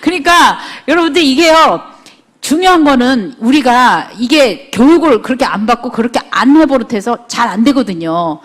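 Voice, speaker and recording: A woman's voice: fairly high pitch, animated, moderate pace. Middle-aged woman giving a conversational lecture. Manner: conversational, asks the audience frequent rhetorical questions.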